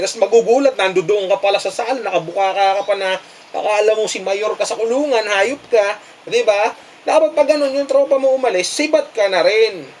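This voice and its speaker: A man lectures his audience in a casual, scolding tone and keeps tacking on rhetorical questions. His voice sits high for a man. A faint noise hums under the recording. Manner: scolding, preachy, repeats "di ba?". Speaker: vlogger giving advice. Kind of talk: casual advice monologue.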